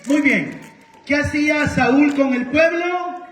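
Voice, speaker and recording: Honduran male preacher, very high voice, slow, questioning, echoey church room. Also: fairly bright tone, slight background noise. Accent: Honduran Spanish. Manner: asks the congregation questions, tells personal stories. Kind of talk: sermon. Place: church hall.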